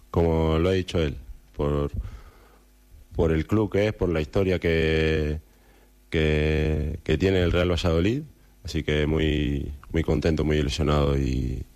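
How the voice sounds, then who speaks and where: A man's voice: rumbling low, a little mellow. A young man, a footballer answering at a press conference, speaking hesitantly with many repeated words. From Argentina.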